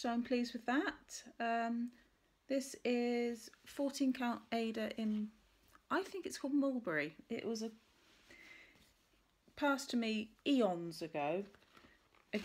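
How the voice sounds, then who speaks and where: Female craft vlogger, fairly high voice, informal and meandering, self-correcting as she goes. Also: a little hiss or hum. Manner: rambling, thinking aloud, self-correcting. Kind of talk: casual chat to camera about stitching.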